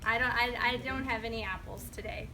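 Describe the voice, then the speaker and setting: A children's author giving a reading at a public library talks informally and encouragingly to a group of young children. Her voice is a little high, steady and brisk, and she speaks conversationally. The mic is far away in a noisy room, with clear room noise and children in the background.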